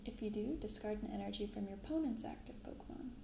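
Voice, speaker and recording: Recorded on a binaural mic, this young adult card-opening host offers slow, whispery commentary and reads cards aloud in soft-spoken ASMR fashion. Her voice is mid-range and creaky, and the room sounds roomy with a little hiss or hum.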